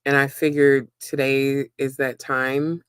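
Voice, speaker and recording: A woman's voice: extremely low pitch, level tone, slow pace, clear, resonant tone, dry recording. A woman chatting casually on a live stream while she eats and works, rambling with many ums and likes. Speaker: livestreamer and web content creator.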